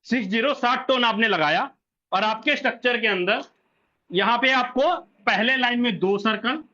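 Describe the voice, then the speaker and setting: A presenter at a whiteboard lays out a referral plan step by step, repeating himself and answering his own questions. His voice is very high and sharp, at a moderate pace, on a dull lo-fi recording.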